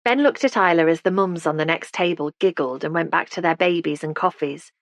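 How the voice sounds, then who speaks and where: Low-voiced woman reading an audiobook. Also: a little fast, no echo. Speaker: audiobook narrator. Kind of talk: scripted narration.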